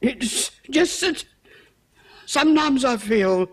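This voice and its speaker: An actress playing an older household cook in a period television drama. The cook is proud and touchy, speaks in working-class phrasing, and turns tearful and lonely. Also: female voice, high-pitched, expressive, slow pace, breathy edge, heavily acted.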